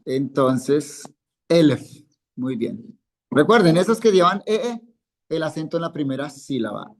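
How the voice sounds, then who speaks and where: A male Hebrew teacher, giving a live classroom lesson and patiently quizzing students by name, repeating each word. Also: a little high. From Colombia.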